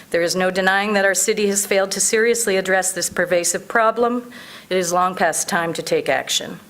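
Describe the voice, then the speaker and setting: A woman's voice: fairly low pitch, a bit bright. A woman reads a prepared advocacy speech as a public commenter at a council meeting, earnest and emphatic.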